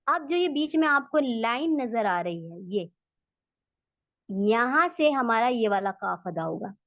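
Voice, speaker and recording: A woman's voice: on the high side, no room sound. A woman teaching Quran recitation in Urdu-accented speech, going step by step and patiently repeating the sounds for practice. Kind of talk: slow step-by-step lesson. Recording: dull, dry lo-fi audio.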